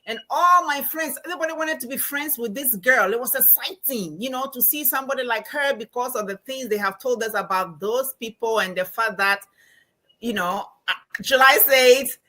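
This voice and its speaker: A woman from Ghana with a Ghanaian accent, a guest telling stories in an animated, emphatic way in a casual podcast interview over a call. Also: fairly high pitch, moderate pace. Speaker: guest, anthropology professor and financial coach.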